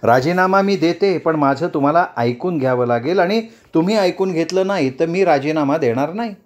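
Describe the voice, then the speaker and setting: A man's voice: fairly high pitch, expressive, moderate pace, pitched above the performer's own voice, natural voice. A man voicing a defiant woman council chair who addresses a crowd in a rousing, commanding speech.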